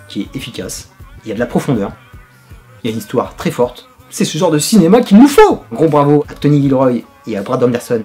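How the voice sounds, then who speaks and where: Fast-talking, slangy film critic. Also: male voice, mid-range voice. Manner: energetic, slangy, talks straight to the viewer. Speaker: film critic, channel host. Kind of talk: casual film review to camera.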